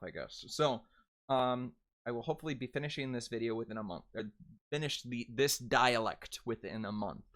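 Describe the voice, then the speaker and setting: A man's voice: medium pitch, fairly bright tone. A man giving a casual how-to lesson on a dialect, explaining rules and demonstrating sounds by drawing out the vowels. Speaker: dialect coach.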